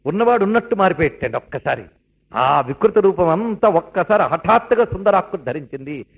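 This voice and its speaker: Husky preacher telling scripture stories. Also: male voice, high-pitched, brisk. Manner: animated storytelling with asides to listeners. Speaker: religious storyteller. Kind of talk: devotional discourse. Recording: dull lo-fi recording.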